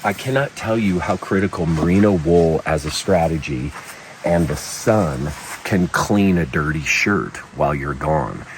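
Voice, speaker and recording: Keeping his voice low, a plain-spoken male guide talks through a casual walkthrough outdoors at a backcountry camp. His voice is very deep and his pace a little slow. It's captured on a distant mic with outdoor noise in the background.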